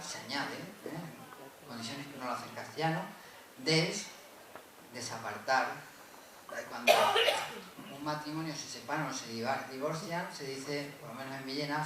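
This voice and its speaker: A man delivers an academic lecture in a university room, explaining patiently and checking in with his listeners through frequent tag questions. He often stops to correct himself mid-phrase. The voice is picked up from far away in a very echoey room, with clear background noise underneath. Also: medium pitch.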